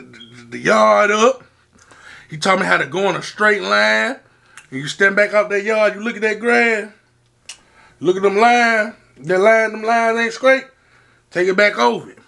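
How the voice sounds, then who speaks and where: A man with a high, gravelly voice talks casually to his viewers as the host of an eating show. His delivery is bright and lively, with big swings in pitch as he boasts and calls out to them. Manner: animated, hypes himself up, calls out to viewers. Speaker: mukbang host. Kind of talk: casual storytelling to camera while eating.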